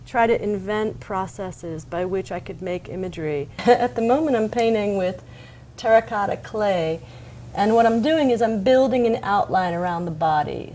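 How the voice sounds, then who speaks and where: A woman's voice: mid-range voice, dark tone, slight background noise. Thoughtful woman artist, musing aloud. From Atlanta, Georgia, US. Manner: thoughtful, pauses with fillers. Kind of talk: reflective interview monologue.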